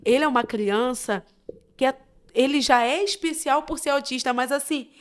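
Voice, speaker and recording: A woman with a Brazilian accent chats as a podcast guest, telling anecdotes with lively expression. Her voice sits a touch high for a woman. She keeps it casual and conversational. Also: normal speed. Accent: Brazilian Portuguese. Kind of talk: casual storytelling chat.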